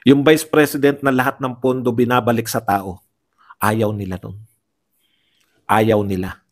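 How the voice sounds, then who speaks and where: A man's voice: mid-range voice, flat delivery, a little slow. A man from the Philippines giving sarcastic political commentary for a vlog, firing rhetorical questions and mocking his opponents with polite markers.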